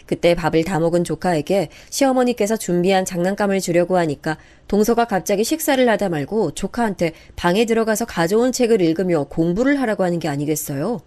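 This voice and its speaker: A woman's voice: fairly low pitch, animated, a little fast, few pauses, a little mellow. A woman narrating a scripted first-person family story in a conversational, emotional way.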